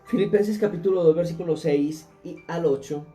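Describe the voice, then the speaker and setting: A man's voice: on the high side, moderate pace, warm tone, faint music behind. A man, a pastor, teaching a Bible class and speaking earnestly, putting questions straight to his listeners.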